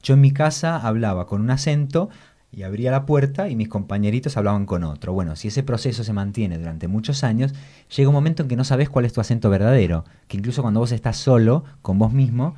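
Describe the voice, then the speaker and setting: A middle-aged Argentine writer being interviewed, speaking in a reflective, anecdotal way with an accent that shifts between Argentine and Spanish from Spain. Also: male voice, medium pitch, lively intonation, fast talker, dark tone. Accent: Argentine Spanish mixed with Spanish from Spain. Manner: reflective, anecdotal, tag questions, swings between two accents. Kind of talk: relaxed conversational interview.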